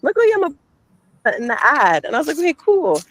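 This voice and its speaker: A woman's voice: high voice, wildly swooping pitch, fairly quick, rough recording. A young woman from Nigeria raised in America, a chatty guest speaking outdoors in a park over a video call that breaks up and drops out. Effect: choppy video call breaking up and dropping out. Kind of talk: casual talk-show chat.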